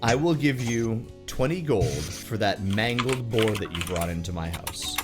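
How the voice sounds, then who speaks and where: A man voicing a bossy elven woman who runs an inn, in a high falsetto that flips between scolding and sweetness. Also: loud music behind the voice. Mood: sweet politeness. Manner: shrill, scolding, quick to calm.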